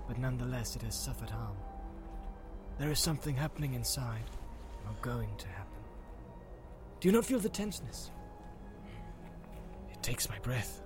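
A man voicing a calm, watchful male elf in a storybook reading, speaking softly and now and then dropping to a whisper. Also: on the high side, moderate pace, over music, lightly acted. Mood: hushed. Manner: hushed, sometimes sinking to a whisper. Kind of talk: audiobook reading.

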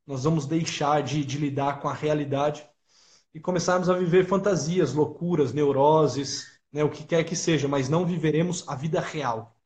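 A middle-aged Brazilian man, a guest on a live talk, explaining ideas in a measured, lecturing way. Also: a little high, steady tone, a little mellow. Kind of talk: reflective conversational explanation.

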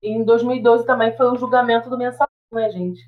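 A woman with a slightly high voice chats loosely as a podcast co-host. She is blunt and jokey, with a bit of casual swearing. The audio is dull and lo-fi. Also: fairly even intonation, fast. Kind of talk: casual chat.

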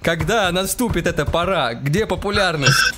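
Ироничный мужчина, ведёт подкаст. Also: male voice, moderate pace, noisy background. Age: 30s. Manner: ironic, jokey, big pitch swings when joking. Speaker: podcast co-host. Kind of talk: casual comedic chat.

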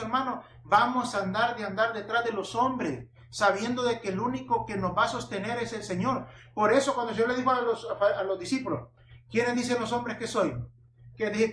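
High-voiced preacher in an echoey room. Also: male voice, a bit bright. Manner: asks and answers rhetorical questions, calls listeners "hermano". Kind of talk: sermon, Bible teaching. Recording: echoey room, mic at a distance, faint hum.

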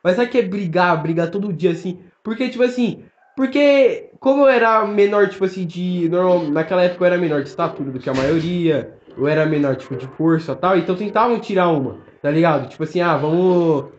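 A young man with a Brazilian accent, telling stories in fast, slangy casual podcast chat full of fillers. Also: high voice. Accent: Brazilian Portuguese. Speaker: podcast co-host. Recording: roomy, dull lo-fi sound.

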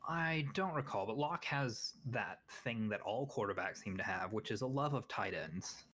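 A young man with a fairly low voice talks casually about sports as a podcast co-host. He rambles and holds firm opinions, and he often laughs at his own slips. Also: animated, normal speed, a bit bright. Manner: rambling, opinionated, self-deprecating.

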